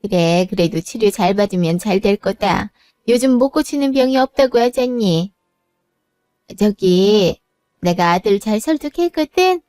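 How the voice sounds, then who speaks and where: A woman's voice: medium pitch, animated, unhurried, a little mellow, no echo, faint music behind, natural voice. A woman voicing an older mother-in-law who speaks in a firm, motherly, scolding way. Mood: firm, caring. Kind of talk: narrated drama voice acting.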